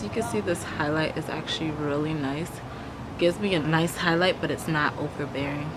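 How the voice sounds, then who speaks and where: A young woman with a deep voice is giving a makeup tutorial as a beauty vlogger, chatting casually to camera and explaining each step as she works. She's out in a leafy backyard garden, and the recording is noisy with outdoor ambience and traffic hum.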